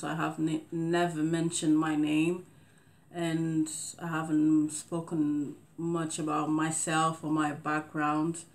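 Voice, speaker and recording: A woman in her thirties with a Portuguese accent talks slowly and deliberately to camera. Her voice sits low and flat, with little rise and fall. She pauses often, filling the gaps with soft fillers and restarting her sentences. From Cape Verde. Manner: slow, careful speech with many fillers and restarts. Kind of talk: casual talking-head monologue. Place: indoors in front of a green screen.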